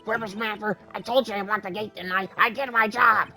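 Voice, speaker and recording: A man's voice: fairly high pitch, normal speed, sharp tone, soft background music, poor audio. A man voicing a chatty, cranky old woman security guard in a playful video game dub. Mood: gossipy.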